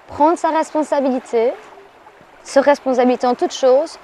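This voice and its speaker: A woman, a life coach and author, giving thoughtful interview answers, hesitating often with pauses and fillers. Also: sits high, fairly even intonation, warm tone, slight background noise.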